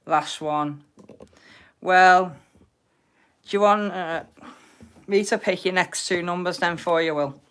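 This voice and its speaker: Slow-paced British woman hosting casual bingo. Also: fairly low pitch, clear, resonant tone. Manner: informal, cheeky banter. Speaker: host of an online bingo game. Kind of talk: casual chat, calling out players and numbers.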